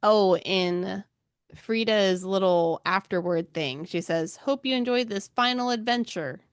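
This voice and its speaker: A woman's voice: medium pitch, measured pace, clear, resonant tone, no echo, clean studio sound. A woman co-hosting a book podcast, chatting casually with a slight lisp and laughing often. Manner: giggly, exclamatory, laughs often. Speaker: podcast co-host.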